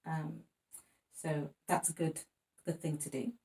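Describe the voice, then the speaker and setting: A woman explaining and singing lap rhymes for babies in a chatty, gentle way with many ums. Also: low voice, level tone, slow pace, creaky, recorded from a distance. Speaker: music teacher. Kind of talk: demonstrating baby lap songs and rhymes.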